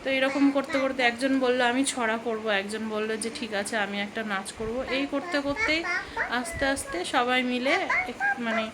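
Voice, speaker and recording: A woman's voice: on the high side, normal speed. A woman in her thirties from Bengal, chatting casually and rambling in a home vlog, now and then soothing a toddler. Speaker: vlogger. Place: home room with fans running. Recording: noisy home phone recording.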